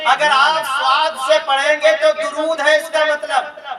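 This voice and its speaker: A man's voice: extremely high pitch, level tone, far from the mic. A man preaching a sermon, urging his listeners with rhetorical questions. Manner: exhorting, rhetorical questions to the audience; drawn-out chanted lines at the close. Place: gathering with an audience. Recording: echoey live hall recording with crowd.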